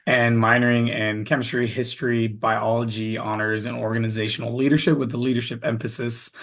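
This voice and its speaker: Brief Young man from Kansas, student ambassador, mid-pitched, casual and a little halting. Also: level tone, a bit bright. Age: young adult. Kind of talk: casual self-introduction.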